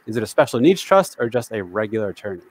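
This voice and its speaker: Very animated and speaking quickly in a lowish voice, a man from the New York area hosts a casual livestream over a video call. He keeps things chatty and pokes fun at himself while reading viewer comments aloud.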